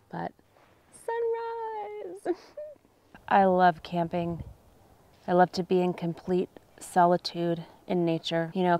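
Dramatic woman joking at a campsite. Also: fairly low pitch. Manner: chatty, dramatic, swinging from hushed to excited. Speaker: comedy sketch host. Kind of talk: comedic sketch monologue to camera. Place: forest campsite outdoors. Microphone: lapel mic.

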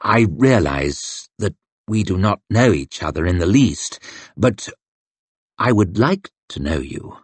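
A male narrator voicing a nervous young nobleman who speaks earnestly and haltingly. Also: deep voice, very animated, slightly rough, dry recording, exaggerated voice.

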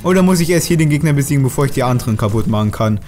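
A man's voice: mid-range voice, expressive, racing, darkish tone, faint music behind. A man commenting on his own play in a let's play, chatty, grumbling and swearing at enemies as he goes. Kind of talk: gaming commentary.

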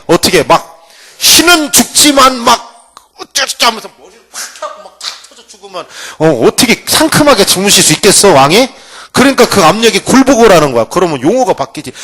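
A man's voice: high-pitched, fairly bright tone. A man giving a humorous history lecture, joking with students and acting out quotes from the past. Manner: playful, acts out quotes. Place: lecture room.

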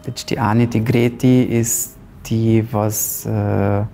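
Faint music sits behind a warm, creaky, somewhat low voice with little pitch movement. It belongs to a thirty-something Romanian playwright with a Zipser German dialect, who hesitantly fields interview questions and keeps pausing with fillers. He's miked with a lapel mic in a large ornate hall.

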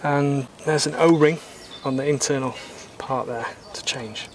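Working outdoors in a garden workshop, a sailor from Britain in his thirties talks through his boat repair unhurriedly. His pitch stays level, his manner calm, methodical and plain-spoken, with the odd blunt, mildly opinionated remark. The camera mic outside catches a faint hum behind him.

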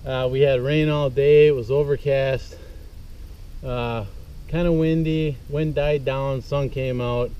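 A young fishing vlogger speaks slowly in a clean, mid-range voice from a small boat on a lake, relaxed and chatty, calling his viewers "guys" in casual outdoor vlog talk. A boat-mounted camera a few feet away picks up dull, slightly distant audio with faint boat and water noise.

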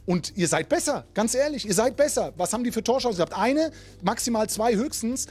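A man's voice: extremely high pitch, expressive, a little fast, a little mellow, husky. A middle-aged man bantering and commentating casually on a football livestream in a blunt, joking way. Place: football ground, stand and indoor rooms.

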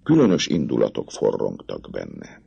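Very deep, gravelly male narrator. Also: muffled recording. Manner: expressive, dramatic reading. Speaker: audiobook narrator. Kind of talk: scripted novel narration.

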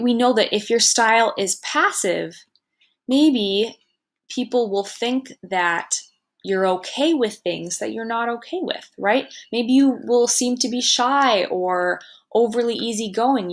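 A woman teacher giving a recorded lesson, explaining patiently and checking understanding with "right?", now and then acting out short quotes in a higher voice.

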